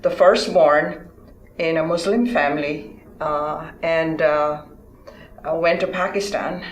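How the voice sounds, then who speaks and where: A woman in her sixties, born in Tanzania, answering interview questions in a thoughtful, halting way with many fillers. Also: deep voice, echoey room, poor audio. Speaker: interview guest, physician. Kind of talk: conversational interview.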